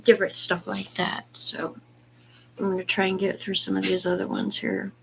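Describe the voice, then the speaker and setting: A woman hosting a casual spiritual livestream, rambling between prayer requests and reading Bible verses slowly and deliberately. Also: medium pitch, sing-song, vocal fry, pushed and bright, a little hiss or hum. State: hiccups, dry throat.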